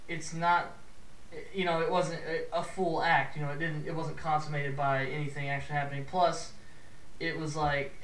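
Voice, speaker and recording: A man's voice: on the high side, flat delivery, moderate pace, fairly bright tone, echoey room, distant mic, a little hiss or hum, poor audio. A man in casual chat, ranting heatedly with a lot of swearing, rambling and restarting his sentences.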